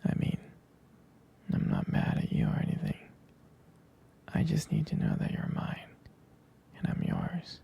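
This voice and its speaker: In an intimate ASMR roleplay, a man plays a jealous, protective, and devoted young boyfriend, with a possessive mood. He whispers slowly and hesitantly, halting and soft-spoken, in a breathy, husky voice close to his everyday one.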